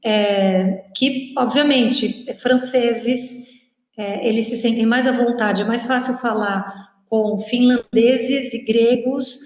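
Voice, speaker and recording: A woman's voice: a little high, steady tone, slow, darkish tone. A woman teaching a lecture with slides in a chatty, informal way, often checking in with her listeners and acting out quoted speech. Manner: chatty, frequent "né?" tags, acts out quoted speech. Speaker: teacher giving a presentation. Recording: echoey room with long reverb.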